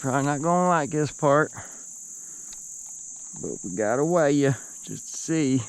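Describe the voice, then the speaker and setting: Excited man filming himself fishing outdoors. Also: a little high, unhurried, clear, resonant tone. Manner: excitable, talks to himself and the fish. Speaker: fishing video host. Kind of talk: casual fishing vlog commentary. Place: outdoors by a lake. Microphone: action camera.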